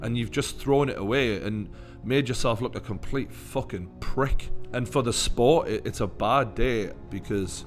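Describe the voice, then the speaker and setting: A man with a Newcastle Geordie accent delivers blunt, opinionated fight commentary. His voice sits at an ordinary male pitch and he swears freely. Music plays behind him. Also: a little slow.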